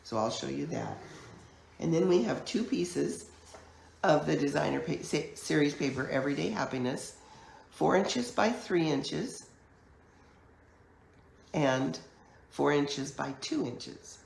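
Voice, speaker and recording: A woman with a croaky, hoarse voice from a chest cold, giving a chatty, step-by-step live online card-making class at her craft table. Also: low voice, expressive, a little mellow, slight background noise. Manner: chatty, unhurried step-by-step explaining. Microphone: camera mic at a craft table. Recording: echoey room.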